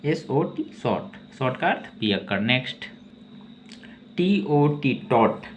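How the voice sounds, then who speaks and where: A man's voice: medium pitch, very animated, measured pace. A man teaching English word reading, who spells each word letter by letter and repeats it. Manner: spells words letter by letter, then repeats them; often says "okay" between explanations. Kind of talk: slow spelling and reading lesson. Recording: dull, lo-fi sound with faint ambient noise.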